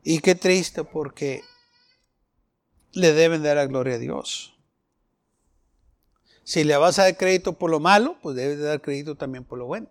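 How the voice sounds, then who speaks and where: High-voiced impassioned male preacher. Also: unhurried, pauses often. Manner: impassioned preaching, voicing prayers and quoted complaints. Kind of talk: sermon.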